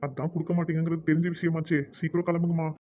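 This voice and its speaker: A man voicing a weary, grumbling male flat caretaker in a cartoon, sounding exasperated. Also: fairly high pitch, very fast, highs cut off, close to an everyday voice. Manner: exasperated, sighing complaints.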